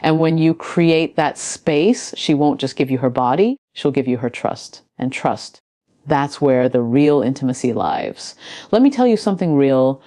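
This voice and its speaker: A woman giving an earnest motivational speech, speaking slowly and intimately with dramatic pauses. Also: a bass voice, animated, warm tone, no echo, clean studio sound. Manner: earnest, intimate tone addressed to men.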